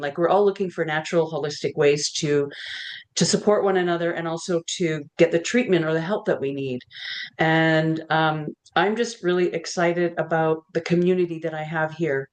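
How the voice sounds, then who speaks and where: A woman author and community leader speaking on a video call, excited and heartfelt, with hesitant fillers. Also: low-pitched. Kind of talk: info session talk.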